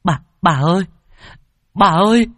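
A man voicing a frightened young girl who shouts and cries in panic. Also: a little slow, dry recording. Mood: frantic screaming. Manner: shrill frantic crying shouts.

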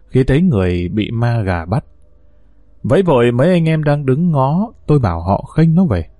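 A man's voice: fairly low pitch, warm tone, no echo, clean studio sound. A man telling a first-person ghost story in a tense, earnest way.

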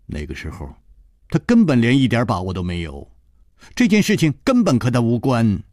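A man voicing a pouting, sharp-tongued young girl who complains. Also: mid-range voice, wildly swooping pitch, normal speed, no echo, clean studio sound.

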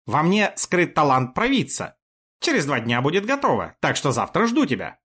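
A man's voice: on the high side, wildly swooping pitch, moderate pace, a bit bright, slightly rough, full character voice. A man voicing a cheerful, boastful male craftsman who talks jovially.

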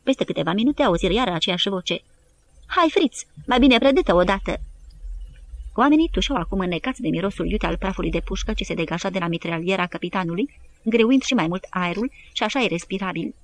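A woman reading an audiobook as narrator, with steady, measured scripted narration. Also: fairly low pitch.

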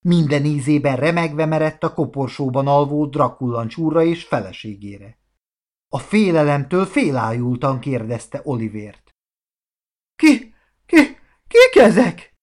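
A man narrating a children's audiobook in an expressive storytelling manner. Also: mid-range voice.

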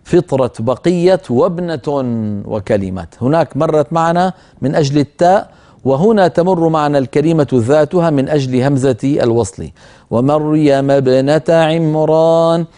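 A man teaching a recorded lesson on Quranic recitation, patient and methodical, with a fairly high but mellow voice. He talks straight to his students and repeats each example word. He slows right down whenever he recites a verse.

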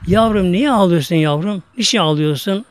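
A man's voice: high-pitched, moderate pace, natural voice. A man voicing a tender father comforting his crying son.

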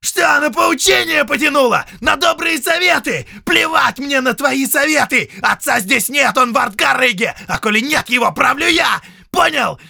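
A shrieking spoiled young count. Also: male voice, very high voice, animated, moderate pace, creaky, few pauses, sharp tone, dry recording, clean studio sound, pitched above the performer's own voice, full character voice. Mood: raging. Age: young adult. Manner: shrieking, ranting. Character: spoiled young count, hot-tempered and shrill.

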